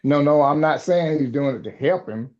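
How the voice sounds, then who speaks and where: A man's voice: on the high side, normal speed, darkish tone. A man talking boxing in casual sports chat, blunt and dismissive, laughing easily. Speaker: co-host. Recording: dull lo-fi sound.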